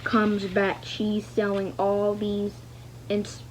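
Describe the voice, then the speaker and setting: Taking it slowly, a woman reads from a novel in a completely flat, medium-pitched voice. As a learner, she trips over words, goes back over fragments and voices the punctuation marks. Sound quality is dull and lo-fi, with faint noise.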